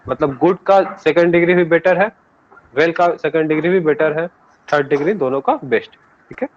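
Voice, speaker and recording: A man with an Indian accent leads a classroom grammar lesson, explaining step by step and pausing to ask his students for answers. His voice sits a little high for a man. The recording is dull and lo-fi. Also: a little hiss or hum. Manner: explains patiently, mixes languages, asks students for answers. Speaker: English teacher.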